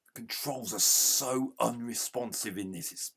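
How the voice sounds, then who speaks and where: A man giving casual gameplay commentary as a retro game reviewer, grumbling in exasperation and yelling at the game. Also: medium pitch, measured pace, breathy edge.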